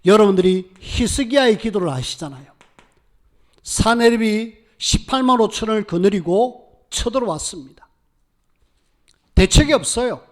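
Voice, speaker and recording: A man preaching a sermon, his voice sitting high for a man. He speaks with emphatic force and voices the pleas of biblical figures as fervent prayers. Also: animated, unhurried, long pauses. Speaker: pastor.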